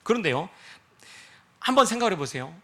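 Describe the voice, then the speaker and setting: A man's voice: high-pitched, sing-song, a little fast, pushed and bright. A man preaching a sermon, who keeps putting rhetorical questions to his congregation and acts out the voices he quotes. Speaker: pastor.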